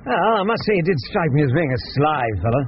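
An earnest, slightly puzzled gentleman in a period radio drama. His questioning voice is somewhat high and animated, on a dull, noisy recording. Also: fast. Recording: muffled radio recording with noise.

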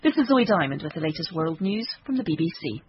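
A British woman reading a scripted radio news bulletin in a measured, formal manner. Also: low-pitched, sing-song, breathy edge, no room sound, highs cut off. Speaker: newsreader.

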